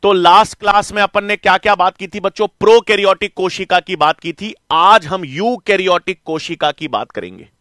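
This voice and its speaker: A middle-aged male biology teacher runs an online class with a high, bright, forceful voice at normal speed, barely pausing. He coaxes students, calling them "beta" and "bachche," and poses questions he answers himself. The recording is dry and clean, studio-grade.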